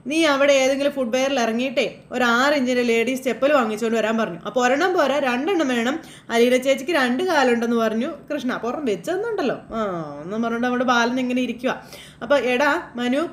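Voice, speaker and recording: Woman storyteller, high voice, chatty episode recap full of fillers. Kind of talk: casual retelling of a TV serial.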